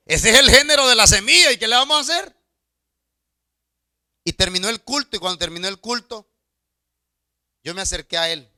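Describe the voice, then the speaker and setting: A middle-aged man preaching a storytelling sermon as a pastor, swinging from loud outbursts to hushed asides and stammering repetitions. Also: high-pitched, gravelly, no room sound, clean studio sound. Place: church.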